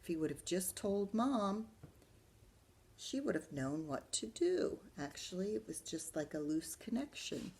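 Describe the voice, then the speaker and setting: A school librarian reads a storybook aloud to young children in an animated way, stopping to explain and ask them questions. Her voice is fairly low, gravelly, and a little mellow, with big pitch swings and an unhurried pace, and there's slight background noise.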